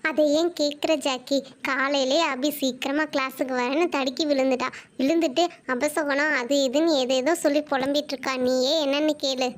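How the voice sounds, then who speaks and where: A woman doing a high, fussy schoolgirl. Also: fairly even intonation, normal speed, few pauses, natural voice. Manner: tattling, fussy. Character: chatty schoolgirl classmate.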